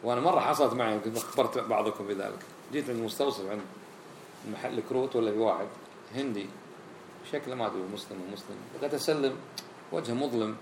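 A man preaching a sermon in an animated way, acting out the voices he quotes. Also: mid-range voice, racing, noisy background. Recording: roomy echo, faint ambience.

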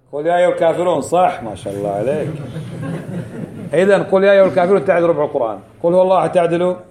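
A man teaching a religious lesson, repeating key phrases slowly and quizzing his class. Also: a little high, a little mellow. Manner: quizzes the class with quick questions.

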